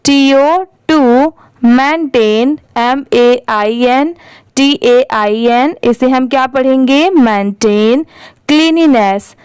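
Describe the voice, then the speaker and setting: A woman teacher who spells out each English word letter by letter, then says it slowly in a reading lesson. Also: sits high, darkish tone, clear, resonant tone, no echo.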